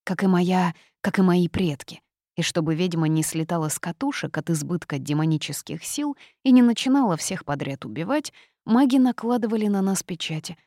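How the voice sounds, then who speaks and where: A woman reading a first-person story as a young witch, in a lively, teasing telling. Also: lowish voice, normal speed, dry recording, clean studio sound. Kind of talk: audiobook reading.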